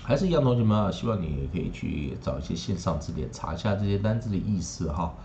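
A man teaching English phonics in Taiwanese-accented Mandarin, with chatty asides and drilling each word slowly three times. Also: low voice, expressive, gravelly, warm tone, slight background noise. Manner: chatty asides with tag particles. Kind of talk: recorded phonics lesson. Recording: slightly dull lo-fi recording.

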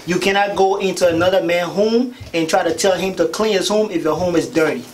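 A man's voice: high voice, fairly quick, background noise. A young man from Liberia, a guest on a radio talk show, speaking earnestly and repeating words for emphasis into a studio mic. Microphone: studio boom mic.

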